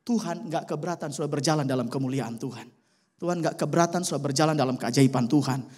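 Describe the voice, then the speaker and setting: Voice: medium pitch, quick pace, a little mellow, breathy edge. A pastor preaching a sermon and telling a story with animation, often addressing the congregation directly. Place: church service.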